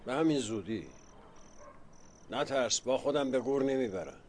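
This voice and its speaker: An actor playing a weary, secretive older village father who talks gravely in proverbs, in a radio drama. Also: mid-range voice, a little mellow, slight background noise, close to an everyday voice. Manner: solemn, speaks in proverbs. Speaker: village elder and retired folk singer.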